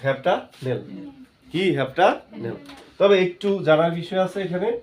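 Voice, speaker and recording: A man's voice: high-pitched, expressive, moderate pace. A male chemistry teacher, giving a classroom lesson. He keeps asking his students questions and then answers them himself.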